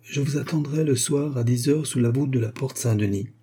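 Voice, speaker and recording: A man reading an audiobook and voicing a hoarse, cynical male street thug who talks slangy and boastful. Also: mid-range voice, fairly quick, mellow, voice pushed up, lightly acted. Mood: jovial. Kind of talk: audiobook character voice.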